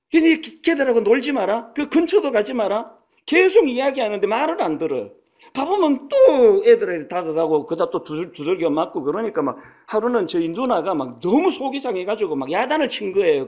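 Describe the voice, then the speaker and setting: High-pitched, lively older male pastor. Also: a little fast. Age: 60s. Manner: conversational storytelling preaching, acting out quotes. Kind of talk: sermon. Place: church sanctuary.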